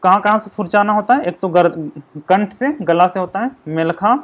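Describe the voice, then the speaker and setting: A man teaching an exam-prep grammar lesson, explaining slowly and sounding out syllables one by one. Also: high voice. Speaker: language teacher.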